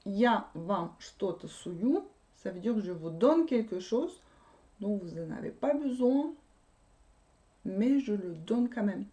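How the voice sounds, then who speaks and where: Woman teaching vocabulary with lively intonation. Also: medium pitch, measured pace, long pauses. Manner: repeats and explains each word patiently. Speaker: Russian language teacher. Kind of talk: language lesson.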